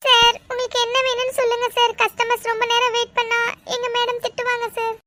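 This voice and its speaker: A woman's voice: monotone, fast, heavy background noise. Woman voicing a meek young shop girl. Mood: polite. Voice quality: very high, girlish cartoon voice. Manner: polite, deferential. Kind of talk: cartoon dialogue.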